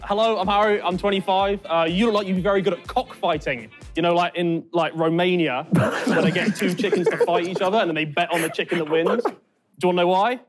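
A British man in his twenties delivering cheesy pickup lines with deadpan humour in a game show. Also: sits high, fast. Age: 20s. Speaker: contestant on a dating game. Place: large decorated studio set, indoors. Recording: loud background music. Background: music.

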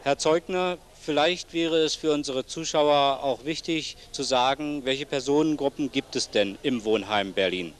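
A middle-aged local TV host interviews a guest while seated among plants in a senior citizens' centre, speaking politely and formally into a handheld microphone. His medium-pitched voice is a little slow, with hardly any pauses. The sound is noisy, like old TV video.

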